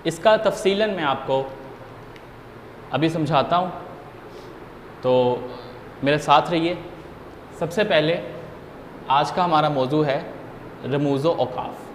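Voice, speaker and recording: A man giving an online grammar lesson to students, explaining each point in a deliberate way and speaking to them directly. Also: fairly high pitch, a little hiss or hum. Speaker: Urdu teacher. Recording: echoey room with long reverb.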